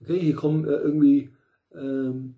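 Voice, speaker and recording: A man's voice: a little high, steady tone, normal speed, narrow, tinny audio. A middle-aged man giving a casual tarot reading at home, rambling with many fillers and restarts and the odd blunt aside. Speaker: tarot reader. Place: small room at home, in front of a bright window.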